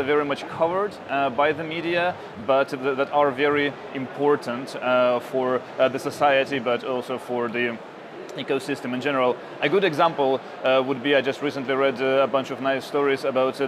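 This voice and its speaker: A man in his thirties, originally from Ukraine, answers interview questions in a halting way, full of fillers and restarts. His voice sits at a middle pitch. The recording is outdoors, with clear street and traffic noise behind him. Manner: hesitant, many fillers and restarts. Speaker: interviewee, tech journalist. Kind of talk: conference interview.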